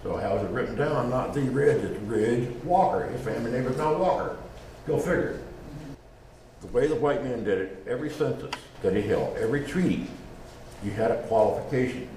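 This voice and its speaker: Brisk and animated, with a medium pitch and darkish tone, a speaker on genealogy and naming gives an informal talk, acting out little dialogues conversationally. Faint background noise and a roomy echo fill the recording.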